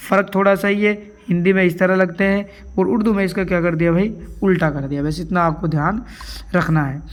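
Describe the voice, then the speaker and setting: A man's voice: high-pitched, fairly even intonation, brisk. A man teaching a grammar lesson for an exam, asking questions and answering them himself while writing on a board. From India.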